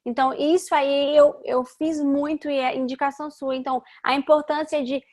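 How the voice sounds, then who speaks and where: A woman host with a high voice and a Brazilian Portuguese accent. She chats casually in the interview, recounting her own experience as a mother in a conversational way. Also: level tone, moderate pace, darkish tone.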